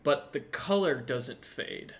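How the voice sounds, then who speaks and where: A man narrating a tabletop fantasy game as game master, in a halting, descriptive way. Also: mid-range voice, lively intonation.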